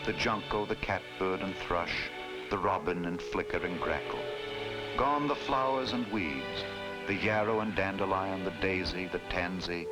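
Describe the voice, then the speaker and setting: Grand male documentary narrator over loud music. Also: low voice, low-quality recording. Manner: solemn, grand, oratorical delivery with dramatic pauses. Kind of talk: scripted poetic documentary narration.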